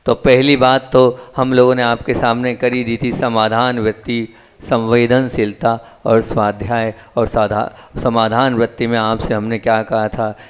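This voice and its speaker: A man's voice: level tone, a little slow, clean tone. A man giving a spiritual sermon as a monk, putting questions to his listeners and then answering them. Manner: asks the audience questions and answers them himself; acts out dialogue in a story with shifting pitch. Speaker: Jain monk giving a discourse.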